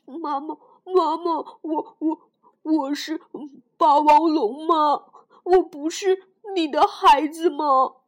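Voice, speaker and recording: A woman's voice: sits high, slow pace, hardly any pauses. A woman voicing a crying, frightened little boy dinosaur who stammers through sobs. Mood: sobbing. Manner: sobbing, stammering.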